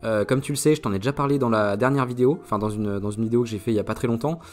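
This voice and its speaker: A man's voice: medium pitch, racing. A young man casually walking viewers through trading tools, talking informally with many fillers and restarts. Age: young adult. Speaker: trading YouTuber. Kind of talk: casual screen-share product walkthrough.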